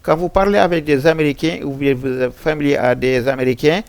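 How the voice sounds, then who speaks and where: A man teaching English pronunciation in French, slowly repeating example words with frequent hesitations and a West African French accent. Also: a little high, fairly even intonation, clean tone. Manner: slow, repeating example words many times. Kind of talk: French-language pronunciation lesson on English sounds.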